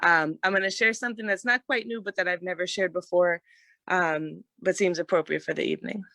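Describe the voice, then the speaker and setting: A woman reads her own poetry at an open mic in a reflective, soft-spoken way. Her voice is on the low side and recorded dry and close. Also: fairly even intonation, a little fast, vocal fry, no echo. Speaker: poet.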